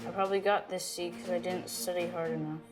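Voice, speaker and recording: A man voicing a schoolboy who mutters quietly to himself about his grades. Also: sits high, little pitch movement, fast, music in the background, voice pushed up, natural voice. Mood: resolute. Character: discouraged schoolboy talking to himself.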